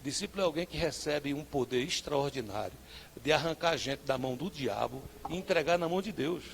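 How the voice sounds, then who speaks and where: A male pastor with a Northeastern Brazilian accent, preaching a sermon with rhetorical questions and sudden loud bursts. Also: fairly high pitch, lively intonation, fairly quick, creaky, a little hiss or hum. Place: church service.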